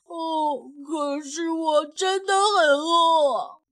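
Brief: big male bully rabbit, put on by a woman; storybook, blustering, slow, loud. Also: a little high, very animated, husky, heavily acted. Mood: pleading.

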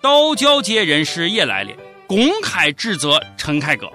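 A man with a Shaanxi accent narrates satirical news as a comedy host. His voice is bright and very animated, theatrical and exclamatory, over a music bed. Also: a little high, a little slow. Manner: theatrical mock outrage, exclamatory.

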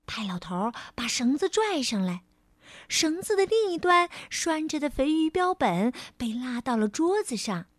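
A woman storyteller reading a children's storybook aloud in a gentle, expressive way. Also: high voice, unhurried, no room sound. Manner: gentle, expressive, lingering on phrases.

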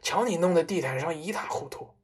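A boastful, pompous middle-aged car dealer, put on by a woman reading a storybook aloud. He brags in a lowered, husky voice and turns to indignant shouting. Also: expressive, a little fast. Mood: annoyed. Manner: bragging, then indignant shouting.

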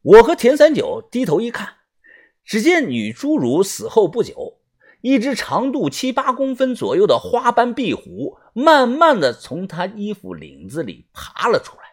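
A man's voice: wildly swooping pitch, measured pace. A man narrating a suspenseful first-person audiobook, tense and dramatic in delivery. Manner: tense, suspenseful storytelling with strong pitch swings.

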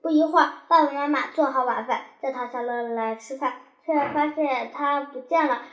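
A woman narrating a children's story in a lively, expressive reading. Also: high voice, moderate pace. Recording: roomy echo.

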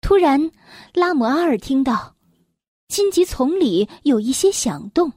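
A woman reading a children's story aloud as narrator, in a gentle, expressive manner. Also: high-pitched, a little slow, no room sound, studio quality.

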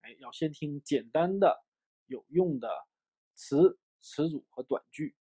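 A man from China giving an English lesson, explaining with lots of fillers and lively emphasis. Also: fairly high pitch, a little slow, husky. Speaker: English teacher. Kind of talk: online lesson.

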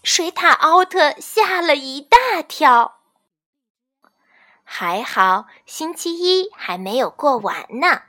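A woman reading a children's storybook aloud, expressive and measured. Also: high voice. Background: faint children's music.

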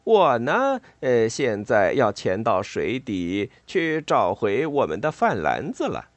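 A man voicing a cheerful, confident male water rat in a storybook reading, chiding and lively. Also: medium pitch, slow pace, no room sound. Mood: brisk.

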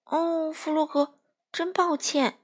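A woman voicing an excitable young duck in a children's storybook reading, in a high, loud and squealing voice. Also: slow pace. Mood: sorry.

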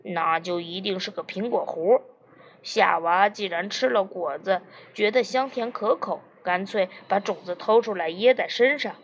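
A cheeky, wisecracking man, as a woman reader puts him on in an audiobook. He teases and spins folksy tall tales in a slightly lower, husky voice that stays at an ordinary pitch overall. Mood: joking. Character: joking, cheeky middle-aged man in therapy. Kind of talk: audiobook character reading.

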